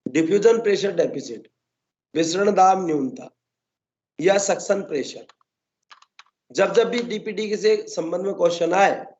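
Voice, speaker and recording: A man's voice: on the high side, darkish tone, muffled recording. A male botany teacher lecturing a class, constantly coaxing the students to answer his questions.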